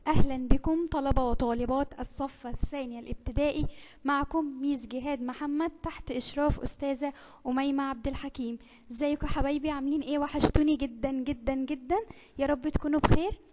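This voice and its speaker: Egyptian woman, primary teacher, fast and high, slight room reverb, quizzes kids as she explains. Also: steady tone, slight background noise. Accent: Egyptian Arabic. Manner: warm, coaxing teacher tone with many rhetorical questions. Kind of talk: recorded online lesson for children.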